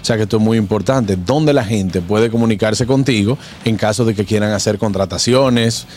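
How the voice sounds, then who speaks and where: A man's voice: lowish voice, moderate pace, darkish tone, slight background noise. A Dominican man hosting a casual radio chat, a playful storyteller who acts out voices in his stories. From Dominican Republic. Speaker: radio show host.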